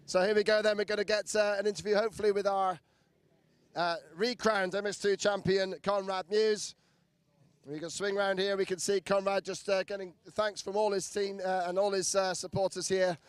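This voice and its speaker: A man's voice: high-pitched, little pitch movement, normal speed, clear, resonant tone, no echo. A man presenting live from outdoors at a race track, interviewing and congratulating riders in an upbeat way. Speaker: motocross podium interviewer and presenter.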